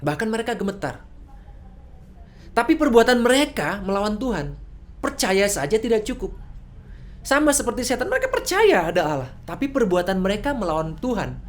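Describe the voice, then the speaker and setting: A woman's voice: medium pitch, sing-song, moderate pace, long pauses. A woman preaching a sermon in a church service, casual and conversational, often asking rhetorical questions.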